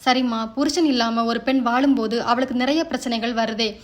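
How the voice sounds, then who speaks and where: A tender old father, anxious for his daughter, asking gentle questions in a read-aloud story, voiced by a woman narrator. His lines stay soft and fairly high, near her own voice. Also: steady tone, normal speed, lightly acted. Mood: worried.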